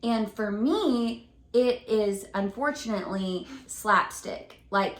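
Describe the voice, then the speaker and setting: A young woman co-hosting a podcast, chatting casually and telling animated stories that she keeps laughing through. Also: medium pitch, takes it slowly. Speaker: podcast co-host. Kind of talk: casual chat. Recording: echoey room with faint noise.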